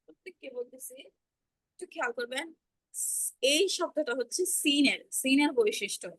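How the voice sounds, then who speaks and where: Bright high-voiced woman teaching online. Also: moderate pace. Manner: patient, repeats sounds for students to echo. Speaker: Quran recitation teacher. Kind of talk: online class instruction. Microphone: video call.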